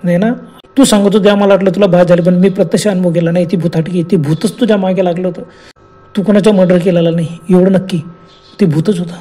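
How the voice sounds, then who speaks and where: A stern old father in his sixties barks orders in a spoken horror tale, played by a man. His voice is high and husky and his manner is angry and commanding. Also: steady tone, quick pace, dark tone, soft background music. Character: stern retired father over sixty.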